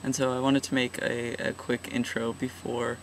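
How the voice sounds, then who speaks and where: A man in his twenties from California talks in a halting, thoughtful, self-deprecating way in a casual personal vlog. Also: mid-range voice, little pitch movement, slight background noise, low-quality recording. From California, USA. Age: 20s. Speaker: vlogger, regular channel contributor.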